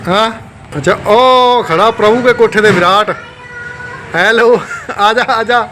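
A man's voice: sits high, a little slow, background noise. A man with a Punjabi accent filming a casual family vlog, playfully calling out to his kids and pets. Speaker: family vlogger, father.

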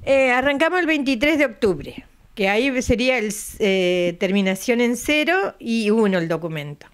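Slight background noise sits behind this woman's somewhat high, lively voice, which moves at a normal speed. She's an older Argentine woman, president of a retirees' center, talking chattily to a local TV interviewer in her living room via a handheld mic. Dates get repeated with patience, and her lines often close with a questioning aside.

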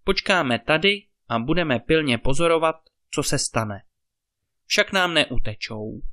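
A fierce, jealous warlord who barks his demands, as a male storyteller reads him. The tone is bright and pressing, raised a little in pitch when he shouts. Told as a spoken fairy tale. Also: expressive. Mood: suspicious. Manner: harsh, demanding.

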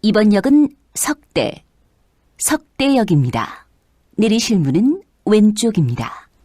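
A woman's voice: mid-range voice, big pitch swings, measured pace, dark tone, no room sound, clean studio sound. A woman giving a recorded subway train announcement, formal, polite and evenly paced.

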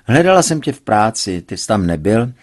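A man's voice: fairly low pitch, very animated. A stubborn young daughter answers in a light, cajoling tone, a little raised from the reader's own voice, as a male narrator puts her on. She coaxes rather than argues, in a storybook reading. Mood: coaxing.

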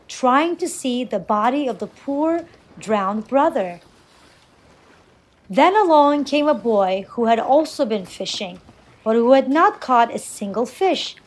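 A woman's voice: on the high side, low-quality recording. A woman volunteer reading a children's picture book aloud with expression. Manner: expressive, slow read-aloud.

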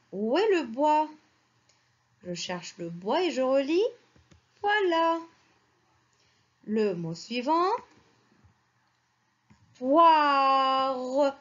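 A woman teacher slowly reading words and syllables aloud for young children. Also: fairly high pitch, a little mellow, highs cut off. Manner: slow, syllable-by-syllable, sing-song teacher voice.

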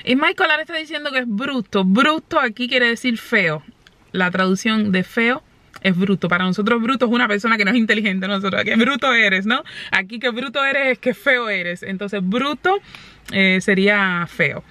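A woman's voice: fairly high pitch, moderate pace, bright, forceful tone, no room sound. A woman chatting casually to her vlog viewers, fond and talkative, patiently explaining words. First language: Spanish. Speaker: family vlogger.

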